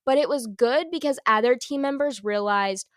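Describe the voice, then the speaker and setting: A woman guest in a casual podcast chat, candid and quick to laugh, acting out what others said. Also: on the high side, dry recording, clean studio sound. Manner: candid, laughs often, animated quoting of others. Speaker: podcast guest, business owner. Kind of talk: casual conversational interview.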